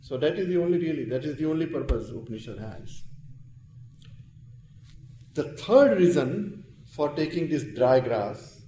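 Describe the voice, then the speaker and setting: A man's voice: on the high side, expressive, unhurried, pauses often, warm tone. A man with an Indian accent giving a spiritual lecture as a teacher of scripture, explaining with emphatic phrasing. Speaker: Vedanta teacher. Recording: roomy echo with faint background noise.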